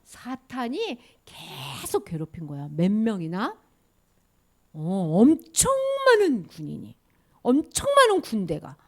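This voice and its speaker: A woman's voice: medium pitch, wildly swooping pitch, slow pace. A woman giving a children's sermon, asking the children questions and sometimes dropping to a whisper.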